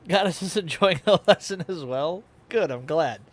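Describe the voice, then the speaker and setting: A young man chats casually on a live stream with the hiccups, his voice on the high side with lively intonation at normal speed. He's playful and loves messing with his voice and shifting octaves.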